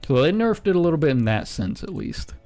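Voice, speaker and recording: A man streaming a game, thinking aloud in a relaxed way with frequent ums and self-corrections as he builds a team. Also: a little high, fairly quick, faint music behind. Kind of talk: casual stream commentary while building a team.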